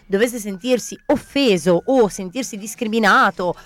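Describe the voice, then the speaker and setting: A woman's voice: medium pitch, normal speed, a bit bright, no echo. A woman co-hosting a radio show in casual, joking banter. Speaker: radio co-host.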